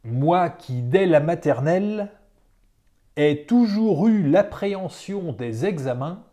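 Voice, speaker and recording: A teacher gives a dictation extremely slowly, saying every phrase several times and voicing the punctuation marks. The voice is dark and mellow at a middle pitch, animated, yet measured and deliberate throughout.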